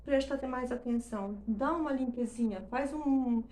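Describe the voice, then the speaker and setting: A woman's voice: sits high, a little mellow, roomy sound. A woman teaching English pronunciation in Portuguese, stressing words emphatically and checking in with frequent short questions. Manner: emphatic, drawn-out demonstrations of words. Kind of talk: explanatory lesson.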